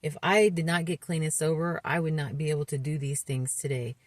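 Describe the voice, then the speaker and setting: A woman in her fifties speaking candidly about her own recovery, earnest and halting, with frequent restarts and fillers. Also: low-pitched, steady tone, dry recording. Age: 50s. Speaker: recovery vlogger. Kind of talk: candid personal testimony.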